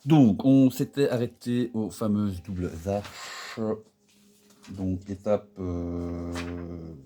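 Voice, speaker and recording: A man's voice: sits low, mellow. A man chatting casually while building a Lego set, rambling and hesitant, full of fillers and self-mocking asides. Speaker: Lego builder and video host.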